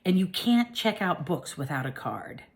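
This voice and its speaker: Woman reading loud boisterous schoolboy, bellowing, storybook. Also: on the low side, sing-song, normal speed.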